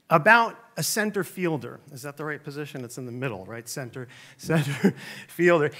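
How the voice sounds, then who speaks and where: A man's voice: on the high side, fairly bright tone. A middle-aged man, a lead pastor, opening a sermon with jokey, self-deprecating stories and acted-out voices. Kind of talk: sermon with humorous storytelling.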